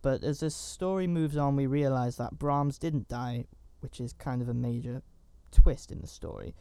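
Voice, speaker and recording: Man, casual film recap, chatty asides, gravelly, mellow. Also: medium pitch, expressive, normal speed, dry recording. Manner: chatty, rambling, with asides and fillers. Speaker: film reviewer.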